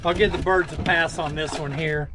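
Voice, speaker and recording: A man's voice: fairly even intonation, moderate pace. An older man, muttering grumpily and casually to himself as he does outdoor chores. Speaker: vlogger filling bird feeders. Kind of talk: casual talk to self while doing chores. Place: outdoors in a yard. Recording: noisy outdoor recording with loud rumble.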